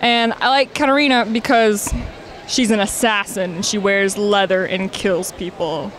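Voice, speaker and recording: A woman's voice: medium pitch, steady tone, unhurried, fairly bright tone. A woman cosplayer chats casually in a playful, joking manner. Her voice sits in a middling range, and faint outdoor noise hangs behind her. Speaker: cosplayer, interview guest. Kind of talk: casual chat.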